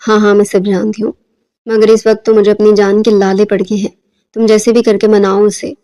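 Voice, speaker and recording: A woman's voice: medium pitch, flat delivery, dark tone, big-room sound, natural voice. A woman voicing an anxious, scheming middle-aged mother in a storybook reading, with fretful, pressing lines.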